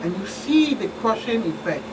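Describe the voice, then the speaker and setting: On a talk show, a Virgin Islands-accented police officer acting as expert guest speaks in a very animated, mid-range voice at a moderate pace. She explains things plainly, repeating points emphatically, and the distant mic picks up a clearly noisy room with hum.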